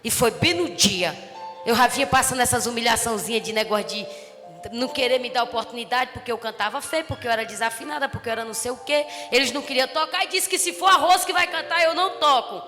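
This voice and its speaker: A woman pastor with a Brazilian accent preaches in a high, bright, ringing voice, telling her story with lively energy that swells into fervent shouts. Her sermon carries through a reverberant church hall with soft music underneath. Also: quick pace. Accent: Brazilian Portuguese. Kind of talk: testimony sermon. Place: church service.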